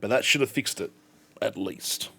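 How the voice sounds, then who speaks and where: A man's voice: on the low side, normal speed, creaky, pushed and bright, husky. A man chatting casually on a game livestream, rambling in a mildly exasperated way. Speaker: game streamer.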